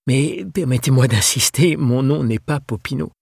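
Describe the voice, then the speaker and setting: A courteous young Frenchman, read by a male narrator close to his own voice, polite and a bit hesitant. The tone is husky and the sound is dry and close. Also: mid-range voice, normal speed, no echo, voice pushed up. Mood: polite, puzzled.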